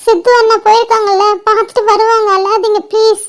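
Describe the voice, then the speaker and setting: A woman's voice: very high-pitched, little pitch movement, fast talker. A woman voicing a young woman in a cartoon drama, soothing and insistent as she comforts her crying aunt.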